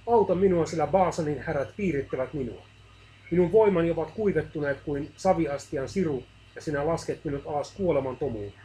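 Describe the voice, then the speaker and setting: Brief: broken anguished man crying for help, read by a male narrator, higher and louder than the narration. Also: slight background noise, close to an everyday voice, poor audio. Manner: anguished pleading.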